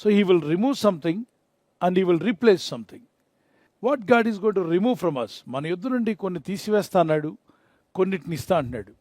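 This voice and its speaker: A man with a high voice preaches an earnest sermon, repeating his key phrases and leading a prayer, with English words mixed in. The recording is dry and close, with no room sound. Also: a little mellow, no echo. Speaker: pastor.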